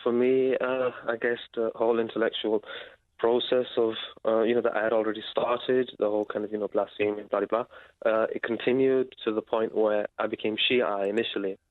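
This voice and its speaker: A man calling in to a radio show, speaking haltingly with many fillers and pauses. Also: lowish voice, flat delivery, no echo. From Britain. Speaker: caller. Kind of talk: phone-in radio call. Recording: tinny phone line.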